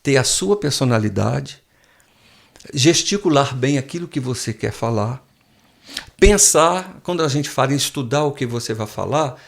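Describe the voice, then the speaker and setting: A man's voice: mid-range voice, lively intonation, moderate pace, gravelly. A man, a guest professor who explains things patiently with frequent restarts in a casual podcast chat in a studio.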